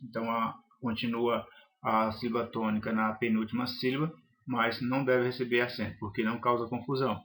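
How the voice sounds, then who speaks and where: A man's voice: medium pitch, little pitch movement, a little fast, fairly bright tone. A man teaching a grammar lesson, listing examples one by one in a methodical way with some hesitations.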